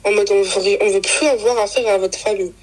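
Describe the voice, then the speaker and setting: A woman's voice: mid-range voice, fairly even intonation, brisk, rough recording. A young woman casually telling a personal story, rambling with fillers and acting out quoted lines. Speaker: guest telling her story.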